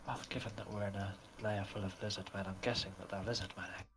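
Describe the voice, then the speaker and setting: A man playing a tabletop game, calm and dry, speaking deadpan. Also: fairly low pitch, quick pace, a little hiss or hum. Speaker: player.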